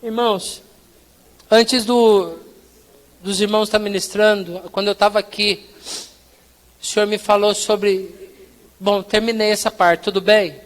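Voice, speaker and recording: A man's voice: sits high, measured pace, pauses often. A man with a Brazilian Portuguese accent preaching a sermon, telling a personal story with acted-out dialogue. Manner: animated storytelling, acts out dialogue with God and his wife. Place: large church hall. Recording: reverberant church hall.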